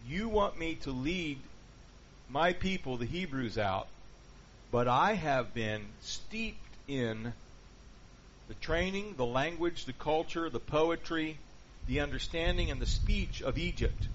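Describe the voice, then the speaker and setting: This Bible study leader poses questions to his class and works through their responses, speaking in a fairly high, expressive voice at an unhurried pace. Faint hiss runs under the dull, lo-fi audio.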